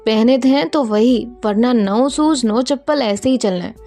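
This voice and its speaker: A woman's voice: fairly high pitch, slow pace, faint music behind. A woman voicing a reserved, curt young woman. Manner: short, quiet replies.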